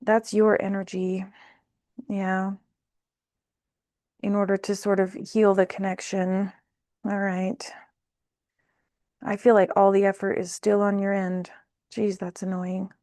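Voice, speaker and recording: A woman talks slowly through a tarot spread, thinking aloud and speaking bluntly with open exasperation. Her voice sits at an ordinary pitch. The sound is close and dry, with no room echo. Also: level tone, mellow. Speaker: tarot reader. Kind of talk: casual tarot reading.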